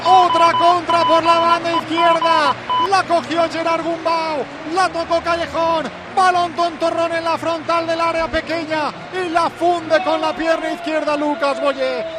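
A man's voice: very high-pitched, little pitch movement, measured pace. A man with an accent from Spain calling a football match live on radio. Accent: Spanish from Spain. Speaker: football play-by-play commentator. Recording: loud stadium background noise.

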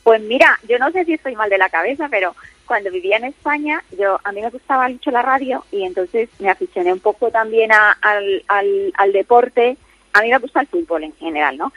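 Brisk and animated, a medium-pitched woman calls in for a casual phone chat, talking freely with plenty of fillers and restarts. She's middle-aged, born in Colombia, and speaks with a Spain Spanish accent; the dull lo-fi phone line has no room sound.

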